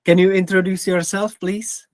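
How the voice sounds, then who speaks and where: A man from the Czech Republic hosts a podcast interview, asking slow, careful, polite questions. His voice sits somewhat high for a man. The recording is dry, with no room echo. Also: level tone. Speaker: podcast host. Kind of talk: remote interview.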